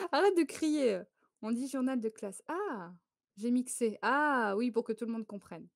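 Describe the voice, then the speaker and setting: A woman's voice: fairly high pitch, lively intonation, unhurried, dry recording, clean studio sound. A woman from France hosting a photo quiz on a live stream, chatty and laughing often as she greets viewers.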